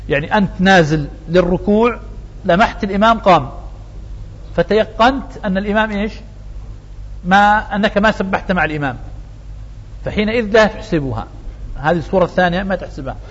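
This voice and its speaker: A man's voice: high-pitched, quick pace, long pauses, breathy edge. A man giving a religious lesson on prayer rulings, who poses rhetorical questions to his listeners and then answers them. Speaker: religious teacher. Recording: dull lo-fi sound in a reverberant hall.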